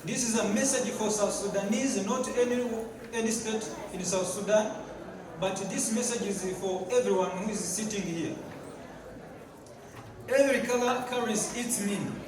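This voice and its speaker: A man from Tanzania giving a halting public speech with fillers and repeated words at a community event. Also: sits high. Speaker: guest speaker. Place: large hall at a community event. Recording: echoey hall, distant mic, crowd. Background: crowd.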